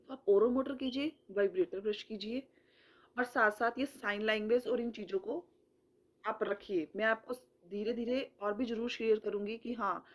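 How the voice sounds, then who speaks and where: A woman in her thirties, a mother giving earnest home speech tips in a casual vlog, stretching out sounds slowly to demonstrate them. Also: on the high side. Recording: dull lo-fi sound.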